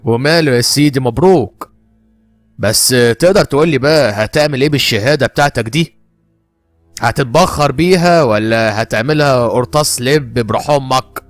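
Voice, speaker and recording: A man's voice: mid-range voice, moderate pace, no room sound, soft background music, pitched below the performer's own voice, close to an everyday voice. A man playing a harsh, scornful, middle-aged Egyptian workshop father who talks in a mocking, sarcastic way with an Egyptian Arabic accent. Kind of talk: horror story narration.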